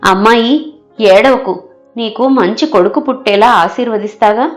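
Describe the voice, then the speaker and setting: A woman voicing a gentle, motherly village goddess who speaks softly and kindly in a storybook. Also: fairly high pitch, moderate pace, soft background music, close to an everyday voice. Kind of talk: storybook character voice.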